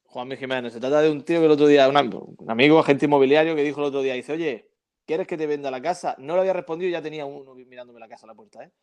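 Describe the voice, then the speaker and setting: A man's voice: fairly high pitch, rapid-fire, few pauses, a little mellow, clear, resonant tone. A man co-hosting a casual football chat, telling anecdotes and often tagging his sentences with questions. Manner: chatty storyteller, frequent tag questions. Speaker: podcast co-host.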